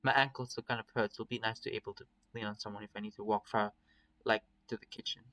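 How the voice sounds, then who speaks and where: A man's voice: on the low side, steady tone, fast talker, pushed and bright, poor audio. A man reading a first-person story aloud in a casual, plain way, with small slips and restarts.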